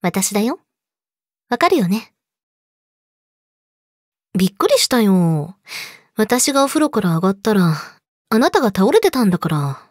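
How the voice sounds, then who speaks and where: A young woman playing a possessive yandere girlfriend, sweet but menacing, speaking softly and intimately to her lover in an audio drama. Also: mid-range voice, very animated, moderate pace, pauses often, no echo, studio quality. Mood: calm, teasing menace. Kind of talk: Japanese situation voice audio drama, addressed to listener.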